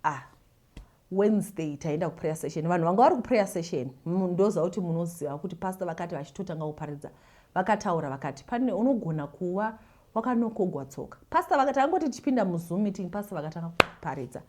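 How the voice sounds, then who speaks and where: A woman hosting a show in a Zimbabwean accent reads listener confessions and gives advice, talking fast in a fairly low, expressive voice with a dark tone. She tells the stories casually, repeating words and acting them out.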